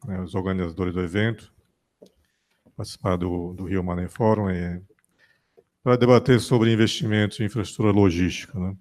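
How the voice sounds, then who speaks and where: Low-voiced Brazilian man moderating a panel. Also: a little mellow. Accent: Brazilian Portuguese. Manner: hesitant, frequent fillers. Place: conference stage.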